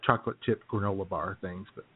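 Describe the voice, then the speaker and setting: An American man co-hosts a talk show in casual, jokey banter, chuckling often. His low-pitched voice is husky and fast with fairly even intonation. The sound is tinny and band-limited, like a phone.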